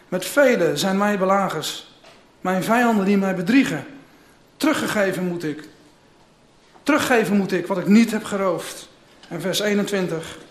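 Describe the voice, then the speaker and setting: Preacher, male, high voice, reads scripture with dramatic flair, echoey room. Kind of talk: reading scripture aloud, then sermon.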